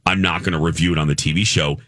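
Talking fast on a casual morning radio show, a male co-host keeps things animated, climbing high in pitch at his most emphatic moments. The studio-quality recording has no echo.

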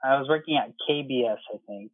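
Speaking quickly in a mid-range voice, a man in his thirties who works as an air traffic controller shares his story as an interview guest. It's conversational, with past exchanges quoted, and the dry recording comes over a muffled phone-like line.

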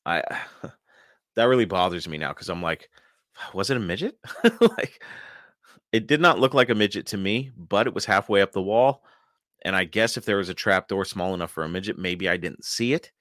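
A man's voice: low voice, expressive, moderate pace, a bit bright, dry recording, studio quality. A male podcast host who reads his own written account aloud and then chats casually, wry and sarcastic, laughing often.

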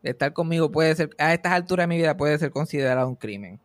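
A man's voice: a little high, lively intonation, quick pace, dry recording. A man in his thirties with a Puerto Rican accent, chatting and joking animatedly, mixing in English words. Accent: Puerto Rican Spanish. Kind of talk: casual comedic chat.

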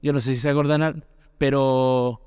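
A Chilean man recalls a story in relaxed slang, circling back and restarting as he goes. His voice is clear and resonant, recorded close in a dry space. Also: mid-range voice, moderate pace, no room sound. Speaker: podcast co-host. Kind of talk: casual storytelling chat.

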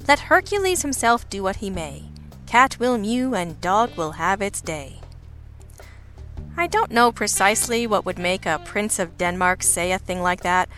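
A woman's voice: lowish voice, fairly bright tone, lightly acted. A woman as a wry, wordy girl amateur sleuth. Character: brash wisecracking young female amateur sleuth, digressive storyteller. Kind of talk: first-person detective audio drama narration. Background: music.

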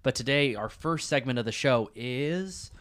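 A man's voice: medium pitch, animated, a bit bright, a little hiss or hum. A man in his twenties co-hosting a podcast, chatting casually and agreeing often in a room at home. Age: 20s. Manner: friendly, chatty, quick to agree. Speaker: podcast co-host. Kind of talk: casual chat. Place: room in a house.

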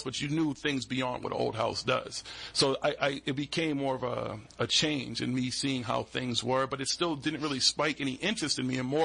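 On a podcast recorded in a studio, a security business owner from Boston in his 40s rambles through casual interview stories, frequently restarting and performing the quoted voices. His mid-range voice is creaky, husky, bright and forceful.

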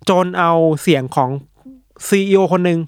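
A man co-hosting a casual talk show, explaining at length in an animated way and laughing often. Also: sits high, moderate pace, clear, resonant tone, dry recording, studio quality. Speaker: podcast co-host. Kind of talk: casual chat.

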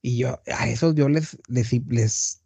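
A man with a northern Mexican accent hosting a podcast in casual chat, rambling and animated, dropping slang constantly. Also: medium pitch, takes it slowly, creaky, breathy edge, dry recording. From Tamaulipas, northern Mexico. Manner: rambling and animated, slangy, peppers lines with "güey". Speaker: podcast host.

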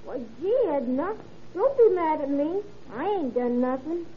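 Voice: sits high, animated, unhurried. A young performer playing a naive, cheeky little boy in a 1930s-style radio drama, with guileless slangy talk. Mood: eager. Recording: dull, noisy old radio recording.

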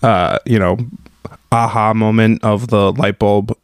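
A man in his thirties hosting a casual podcast interview, rambling quickly and correcting himself mid-sentence. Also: on the low side, level tone, smooth, no echo, studio quality. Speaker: podcast host.

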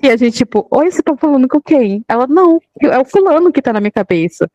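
A woman's voice: high voice, lively intonation, quick pace, dark tone, no room sound, muffled recording. A woman with a Brazilian accent, co-hosting a podcast and chatting casually with a joking tone. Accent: Brazilian Portuguese. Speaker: podcast co-host. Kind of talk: casual chat.

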